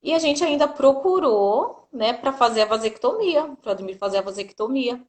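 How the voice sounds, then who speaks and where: A woman's voice: on the high side, moderate pace. A woman, a doula, telling a personal story as an interview guest and acting out the dialogue she quotes. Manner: lively narration that often acts out quoted dialogue, frequent "né".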